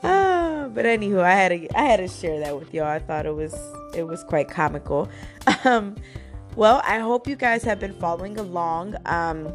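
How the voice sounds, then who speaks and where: A woman's voice: lowish voice, normal speed, faint music behind. A woman hosting her podcast in casual chat, her voice a bit muffled from congestion and often breaking into laughter. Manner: laughs often, chatty with fillers. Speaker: podcast host.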